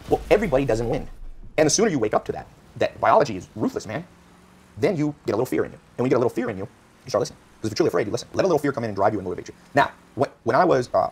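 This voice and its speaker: A man talks at a very fast clip as a podcast guest. He tells motivational stories with strong emphasis and acts out the people he quotes. Faint noise sits under his voice. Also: on the low side. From United States (California). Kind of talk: animated motivational storytelling.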